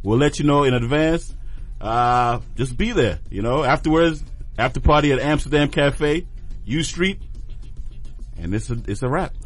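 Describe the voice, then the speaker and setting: A man's voice: mid-range voice, animated, moderate pace, faint music behind. Man DJ, laid-back promo voice, casual hype. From Washington, D.C. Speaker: DJ and event promoter guest. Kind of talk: radio show announcement.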